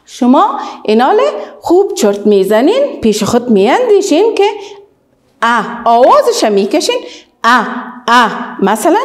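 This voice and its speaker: A woman with an Afghan Dari accent teaches young children the alphabet, stretching out model words in a sing-song manner and praising them often. Her voice is high with a darkish tone.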